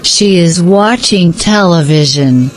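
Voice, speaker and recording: A woman giving slow, scripted answers in a repeated language-practice dialogue. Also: on the low side, animated, slight background noise, rough recording.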